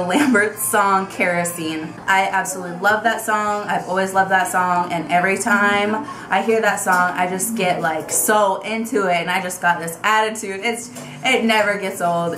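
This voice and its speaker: Talking to camera for a tag video, a beauty vlogger in her twenties chats animatedly and casually, full of fillers, from a small indoor bedroom with a vanity. Her mid-range voice has a fairly bright tone and a reverberant sound.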